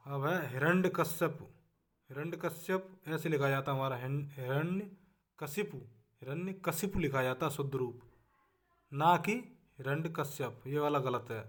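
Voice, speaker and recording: A man with a Hindi accent leads a spelling lesson for exam preparation in a fairly high voice. He repeats each word as a drill, and his voice often drops away at the end of a line. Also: moderate pace. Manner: drills words, often trails off softly at line ends. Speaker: exam-prep teacher.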